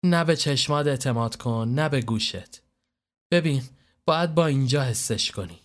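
A man's voice: medium pitch, expressive, close to an everyday voice. A man voicing a weary young woman addict who answers in curt, dismissive retorts. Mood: earnest. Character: weary young female addict, sharp-tongued.

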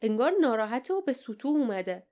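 A woman's voice: on the high side, big pitch swings, darkish tone. A woman playing a grim, resolute young hero. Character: determined young male hero.

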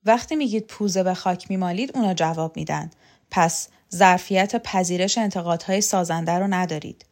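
Brief: defiant young man figure, quick and pointed, storybook reading, voiced by a woman narrator. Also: lowish voice, close to an everyday voice. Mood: wary. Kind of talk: audiobook character voice.

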